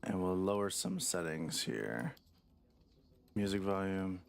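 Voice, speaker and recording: A man's voice: low voice, lively intonation, slow, vocal fry. A man casually commentating a live game stream, rambling and thinking aloud as he talks to his viewers.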